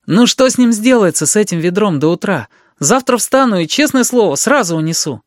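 A man's voice: a little high, lively intonation, unhurried, dry recording, studio quality, voice pushed up. A man voicing a sensitive young boy who pleads and sulks. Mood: pleading. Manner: pleading, sulky.

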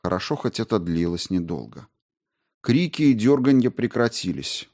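A man narrating an audiobook in a measured, even storytelling manner. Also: lowish voice. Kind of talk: scripted narration.

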